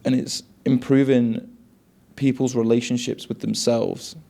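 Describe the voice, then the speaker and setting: A man's voice: medium pitch, little pitch movement, a little slow, vocal fry, dark tone. A man coaching and hosting a casual interview, rambling along with lots of "like" and "mate". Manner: chatty, rambling, peppered with "like" and "mate".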